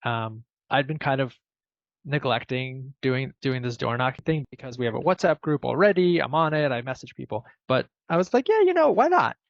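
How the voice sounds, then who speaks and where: Sharing his story casually on a group call, a Ukrainian program participant speaks in a gravelly, medium-pitched voice that swings widely in pitch at a moderate pace. The video-call recording is dry, dull and close.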